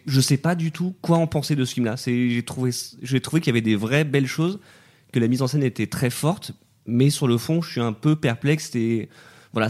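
A man's voice: medium pitch, darkish tone. A man chatting casually as a film critic on a festival podcast, talking at length and thinking aloud with frequent restarts. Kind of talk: casual review chat.

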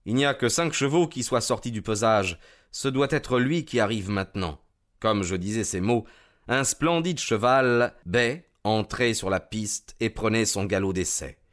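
A man narrating a detective story in a calm, measured, dramatic audiobook style. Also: on the low side. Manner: calm and measured, rising to excited shouts in the race scenes. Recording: music bed under the voice.

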